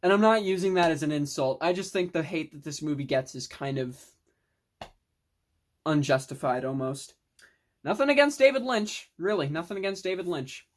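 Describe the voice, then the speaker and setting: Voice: mid-range voice, moderate pace. A young adult vlogger giving a casual, rambling film review monologue, enthusiastic, with mild swearing.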